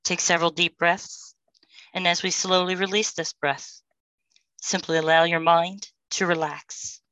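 Woman, meditation guide, soothing, slow, monotone delivery. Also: on the low side, dry recording, muffled recording. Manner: slow, soothing, calm instructions with pauses.

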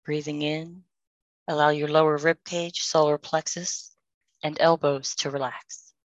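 Low, flat, calm woman guiding meditation. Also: no room sound, muffled recording. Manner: slow, soothing, calm instructions with pauses. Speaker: meditation guide.

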